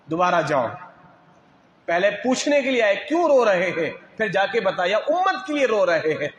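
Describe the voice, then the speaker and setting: Male preacher, high voice, impassioned, drawn-out chanting, echoey lo-fi hall. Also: sing-song. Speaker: religious scholar teaching hadith. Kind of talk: devotional sermon.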